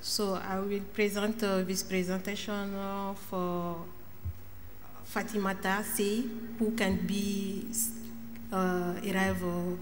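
A woman from Mali with a West African French accent, a native French speaker presenting nervously and haltingly in her second language. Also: mid-range voice, little pitch movement, faint music behind. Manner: nervous, hesitant, searching for words. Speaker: panel presenter. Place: large conference room. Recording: echoey hall with background noise.

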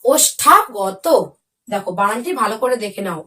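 A high-pitched woman teaches young children spelling, patiently breaking each word into letters and asking whether they have it. Her voice sounds a little distant from the mic. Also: very animated, moderate pace. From India. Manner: patient, spells words letter by letter, asks if understood.

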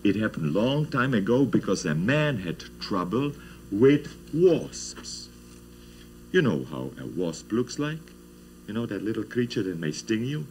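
Slow man telling kids a story. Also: fairly low pitch, very animated, a little mellow, slight background noise, poor audio. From Czech lands. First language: Czech. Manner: playful, asks children questions. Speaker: children's TV host. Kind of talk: storytelling to children.

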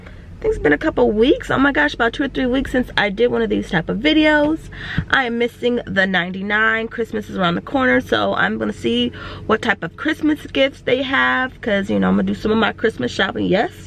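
A woman's voice: fairly high pitch, animated, a little fast, creaky, a bit bright, a little hiss or hum. A woman in her thirties chatting enthusiastically in a casual shopping vlog, recorded on a phone held at arm's length. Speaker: vlogger.

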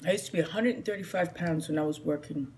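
A woman's voice: sits low, quick pace, darkish tone. A middle-aged woman talks casually to the camera while eating, chewing between phrases. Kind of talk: casual mukbang chat to camera. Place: small indoor room at home. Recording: noisy home phone recording.

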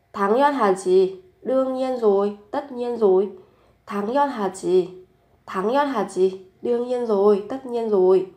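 A young adult woman teaching a language lesson, patiently explaining grammar and repeating example sentences slowly. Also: medium pitch.

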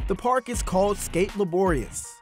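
A man's voice: high-pitched, moderate pace. A male reporter reading a scripted news voice-over. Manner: smooth voice-over delivery. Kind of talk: scripted narration. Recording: voice-over with music bed. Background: music.

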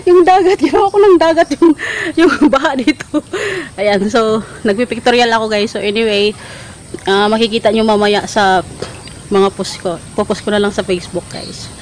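A young woman with a fairly high voice chats cheerfully to her viewers, laughing often as she films herself on a phone at arm's length. She is outdoors on a farm, and clear background noise sits under her voice. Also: normal speed, poor audio. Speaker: vlogger. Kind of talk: casual vlog chat.

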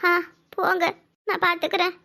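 A woman's voice: very high-pitched, little pitch movement, normal speed, vocal fry, bright, forceful tone, no echo, studio quality, exaggerated voice. A woman voicing a sick, weak young wife in a cartoon, talking feebly with a southern Tamil Nadu accent. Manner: feeble, tired. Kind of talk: cartoon voice acting.

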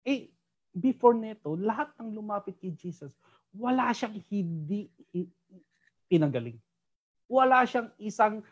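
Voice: medium pitch, dull audio. A Bible study teacher with a Filipino accent, mixing Tagalog and English and often asking "di ba?" to the group. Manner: animated, keeps asking "di ba?".

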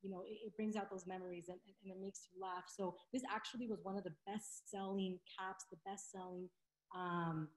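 Brisk and flat in delivery, a medium-pitched woman in her thirties presents a webinar from home, where window blinds cover the room. Through her laptop webcam on the video call the sound is roomy and echoey, and she talks chattily with many fillers and restarts.

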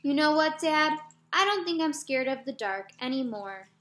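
A woman voicing a small, frightened young frog boy in a storybook read-aloud, pleading in a high voice. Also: animated, moderate pace, fairly bright tone, roomy sound, slight background noise. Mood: relieved.

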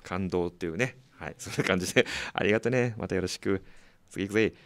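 A community radio host with a low-sitting voice reads listener mail, chatty and joking, laughing often and tossing quick asides to listeners. There's no room sound in the recording.

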